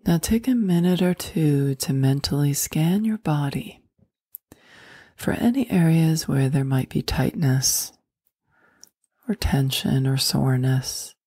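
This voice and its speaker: A woman leading a guided meditation in a soft, soothing voice that often drops into a whisper. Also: low voice, takes it slowly, slightly rough, no room sound, clean studio sound.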